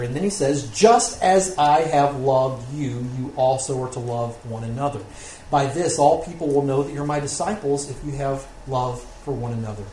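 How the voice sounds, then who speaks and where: A man's voice: mid-range voice, a little mellow. Earnest male pastor preaching in a roomy church. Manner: earnest, asks rhetorical questions with "right?". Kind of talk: sermon. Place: church sanctuary. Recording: roomy church recording with faint noise.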